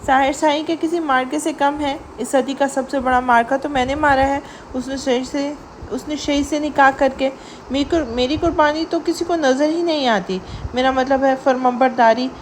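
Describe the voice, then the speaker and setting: A woman's voice: high voice, steady tone, a little hiss or hum, close to an everyday voice. A woman voicing a stubborn, dramatic young wife who whines and pleads. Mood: whiny pleading. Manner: whiny and pleading.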